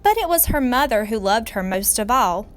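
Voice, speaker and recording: Animated higher-voiced woman reading a storybook. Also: moderate pace. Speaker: teacher reading aloud. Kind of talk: expressive children's storybook narration.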